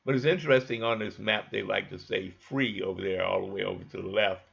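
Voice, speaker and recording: A man's voice: on the low side, brisk, creaky, fairly bright tone, breathy edge. A man giving a folksy, conversational history lecture, walking listeners through maps. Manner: folksy, conversational, asks listeners to think along. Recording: dull lo-fi recording.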